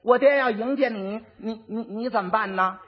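A man's voice: sits high, moderate pace, slightly rough. A man voicing a clever, scolding young bride. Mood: instructing. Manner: scolding, instructive. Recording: dull old archive recording with long reverb.

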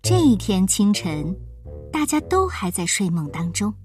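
A woman narrating a children's storybook with expressive, lively delivery. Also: mid-range voice, unhurried, music in the background.

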